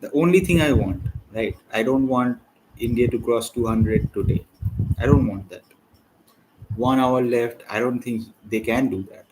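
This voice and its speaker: A man hosting a live cricket watchalong, rambling and chatty with slang and sudden excited bursts over the play. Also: medium pitch, a little slow, noisy background. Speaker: watchalong host. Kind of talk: casual live cricket commentary.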